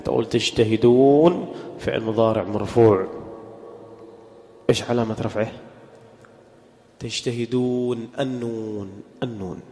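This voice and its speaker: A man teaching a grammar class. He quizzes his students and repeats example words slowly. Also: on the low side, fairly even intonation, dark tone. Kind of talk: classroom lesson. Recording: long hall reverb.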